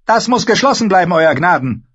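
A man's voice: high-pitched, sing-song, fairly quick, a bit bright, breathy edge, pitched above the performer's own voice, full character voice. A man playing a curt, commanding dwarf lord. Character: sharp-tongued dwarf lord commanding troops. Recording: slightly dull lo-fi recording.

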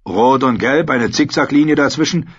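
A man's voice: mid-range voice, normal speed, fairly bright tone, breathy edge, pitched above the performer's own voice. A man voicing a blunt, mocking sellsword in a storybook reading. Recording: dull lo-fi audiobook recording.

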